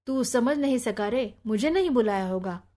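A reserved, courteous young man from an audiobook novel, speaking in formal, measured phrases, as a woman reader voices him in her own fairly high voice. The delivery stays close to the reader's natural tone. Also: expressive, warm tone. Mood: apologetic.

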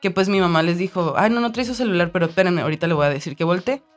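Mexican woman host telling lively stories. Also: lowish voice, racing, soft background music. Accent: Mexican Spanish. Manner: lively storyteller, acts out quoted voices. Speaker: podcast host. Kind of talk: casual chat.

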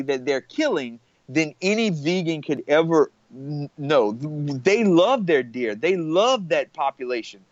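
A man talks at length in relaxed conversation, often doubling back and restarting his sentences. His voice sits a bit higher than most men's. The recording is dry and slightly muffled. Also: no echo. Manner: rambling, many restarts and fillers. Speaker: podcast guest. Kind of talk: casual conversation.

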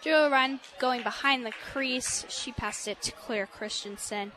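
Girl doing a slow old lady sports announcer voice, low and quiet, bit of background noise. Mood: slow, creaky. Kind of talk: commentary.

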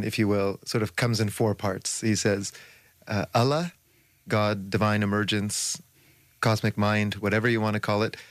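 A man's voice: lowish voice, fairly bright tone, no echo. A male radio guest explaining ideas fluently and at length, with occasional fillers. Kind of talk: radio interview.

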